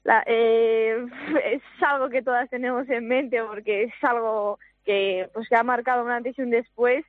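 A teenage girl from Spain speaks over a phone line, answering shyly with many pauses and little laughs. Her voice stays flat in pitch, and the line sounds dry and close. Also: no room sound. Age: teens. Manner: shy, hesitant, laughs often. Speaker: youth footballer guest. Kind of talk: phone interview.

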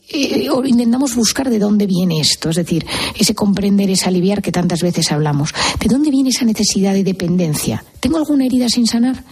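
A woman's voice: mid-range voice, darkish tone, husky. A woman with a Spain Spanish accent, a psychiatrist guest on a radio show, explaining earnestly and posing example questions.

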